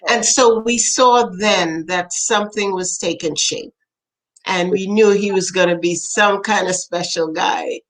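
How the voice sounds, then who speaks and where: An older woman from Trinidad, a poet being interviewed, telling family stories with lively quoted voices. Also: mid-range voice, measured pace, low-quality recording. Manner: animated storyteller, acts out quoted voices, laughs often. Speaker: poet and author, interview guest. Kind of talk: storytelling in conversation.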